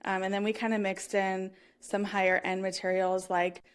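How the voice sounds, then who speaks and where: A woman's voice: medium pitch, flat delivery, normal speed, clear, resonant tone. A woman interior designer giving a casual, enthusiastic makeover reveal to camera, talking through a finished project in an upbeat way.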